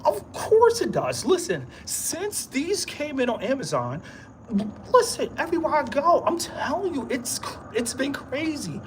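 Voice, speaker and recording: A man delivers a rambling pep talk straight to the camera, hammering the same lines again and again in casual street slang. His voice swoops high and low, and a thin hiss of background noise runs beneath it. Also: sing-song, a little slow. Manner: repetitive, emphatic, streetwise slang. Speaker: vlogger. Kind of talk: rambling motivational monologue.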